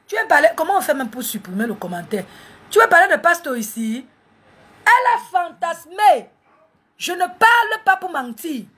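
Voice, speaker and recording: A woman's voice: extremely high pitch, a bit bright. A woman, mocking and scolding viewers in a heated live stream on her phone. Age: 40s.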